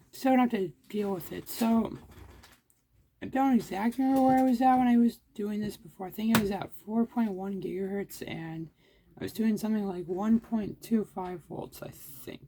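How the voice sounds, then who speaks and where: In his casual screen recording, a hardware hobbyist vlogger narrates his own computer tinkering and gaming, musing aloud and restarting sentences often. The voice is high-pitched and gravelly, warm in tone with a breathy edge.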